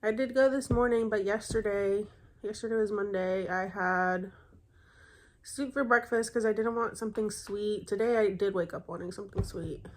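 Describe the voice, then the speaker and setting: Congested young woman rambling on her vlog, lots of ums, mid pitch. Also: steady tone, normal speed. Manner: rambling, chatty, many fillers and self-corrections. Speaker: vlogger. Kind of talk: casual chat.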